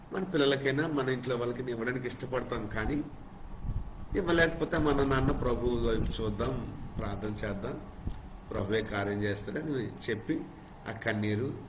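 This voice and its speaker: A male pastor preaching a sermon, stacking short emphatic phrases into lists and dropping to softer, reflective passages. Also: medium pitch, reverberant, noisy background.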